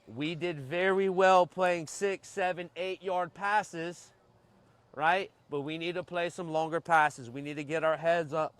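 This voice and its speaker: A man's voice: a little high, steady tone, unhurried, a bit bright, clean tone, no room sound. A man coaching a soccer team in a pep talk, giving instructions, repeating key points and checking that players understand. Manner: checks understanding with short questions. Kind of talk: pre-game and halftime pep talk to a team.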